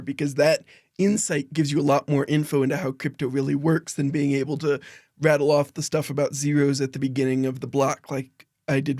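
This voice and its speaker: Man, reaction host, flat steady delivery, dry sound. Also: a little high, no echo. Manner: earnest, explanatory. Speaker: reaction streamer. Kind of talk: casual live commentary.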